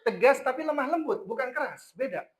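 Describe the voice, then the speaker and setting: A man with an Indonesian accent giving a religious parenting lecture to a congregation, animated, acting out parents and children. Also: extremely high pitch, a little fast, poor audio. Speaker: Islamic preacher. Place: mosque gathering.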